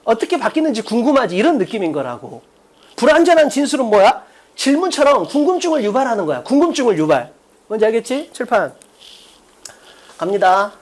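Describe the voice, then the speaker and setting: A man's voice: extremely high pitch, sing-song, brisk, pauses often. A man teaching an exam-prep English lecture, blunt and casual, who swears and keeps firing rhetorical questions at his students. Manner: repeats key phrases often.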